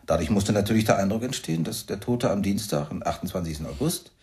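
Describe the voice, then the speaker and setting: In a radio crime drama, a male actor voices a shrewd private detective, speaking low, calm and sardonic. He lays out his points deliberately and dryly, with an accusing edge.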